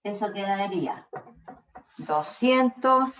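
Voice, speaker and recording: A woman's voice: medium pitch, lively intonation, fairly bright tone, slight background noise. A woman teacher working through a physics problem step by step, often checking in with her students. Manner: slow, checks in with frequent "¿ya?". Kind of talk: explaining a worked problem. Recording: echoey room, distant dull mic.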